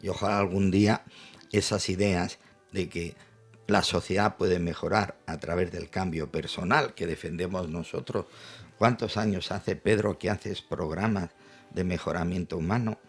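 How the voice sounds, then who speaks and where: An older man, a psychologist guest in a panel discussion, speaking in a measured, reflective way and laying out his points in order. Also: deep voice, steady tone, faint music behind.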